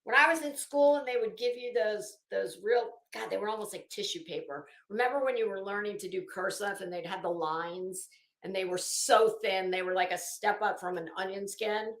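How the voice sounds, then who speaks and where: This woman speaks at normal speed in a medium-pitched, slightly bright voice, reading documents with drama. Playing an online host, she drops into profane, brash, sarcastic asides, and the room sounds echoey.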